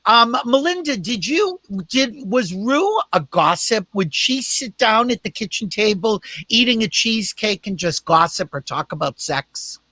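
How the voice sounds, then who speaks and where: A man's voice: high voice, very animated, measured pace, hardly any pauses, bright, forceful tone, no echo. A man hosting a casual interview in a chatty, playful, gossipy way. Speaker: talk show host.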